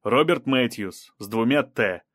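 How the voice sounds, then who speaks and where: A man's voice: medium pitch, lively intonation, unhurried, fairly bright tone, dry recording, clean studio sound. A man voicing a stern male federal police officer giving curt commands. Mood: businesslike.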